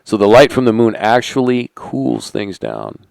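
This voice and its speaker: A middle-aged man holding a conspiratorial monologue, asking rhetorical questions and sinking into quiet asides. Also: lowish voice, big pitch swings, a little slow, gravelly, no echo. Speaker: channel host. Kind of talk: monologue to camera.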